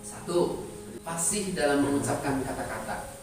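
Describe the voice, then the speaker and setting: A man's voice: on the high side, expressive, normal speed. A man teaching trainees how to preach, talking emphatically and addressing them directly. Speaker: Islamic preacher teaching sermon delivery. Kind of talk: instructional talk to trainees. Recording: echoey room, distant mic, music behind.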